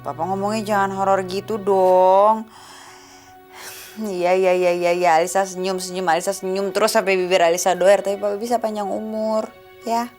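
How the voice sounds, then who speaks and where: An actress playing a young university student who is spoiled, sharp-tongued and whiny. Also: female voice, mid-range voice, flat delivery, normal speed, soft background music, close to an everyday voice. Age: young adult. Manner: snappy, whiny, casual slang.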